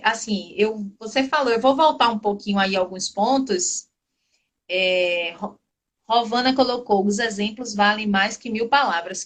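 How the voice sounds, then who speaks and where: A woman in her thirties with a Brazilian Portuguese accent, hosting a live video chat in a quick, chatty way. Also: medium pitch, fairly bright tone. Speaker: live show host.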